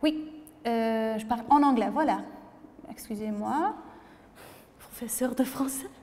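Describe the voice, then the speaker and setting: A woman teaching a language lesson slowly and patiently, spelling word endings letter by letter, with frequent pauses and hesitations. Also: a little high, mellow, in a large hall, a little hiss or hum. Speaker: French teacher. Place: room with a board.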